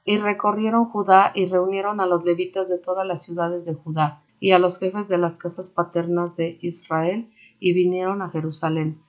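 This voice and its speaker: A woman reading scripture aloud in a steady, measured way. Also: on the low side. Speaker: Bible reader.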